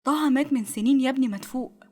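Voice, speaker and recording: A woman's voice: high voice, racing, a little mellow. A woman reading the lines of a skeptical young male friend in an Egyptian accent, dismissive and teasing. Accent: Egyptian Arabic.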